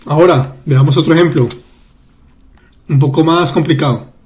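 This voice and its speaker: A man with a somewhat raised voice runs a live online lesson. He chats with his viewers and answers them, then slows right down to repeat and spell out words. He sounds patient and easygoing as he explains the grammar. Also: fairly high pitch, fairly even intonation, noisy background. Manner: chatty, reads out student comments, repeats words slowly. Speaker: French teacher.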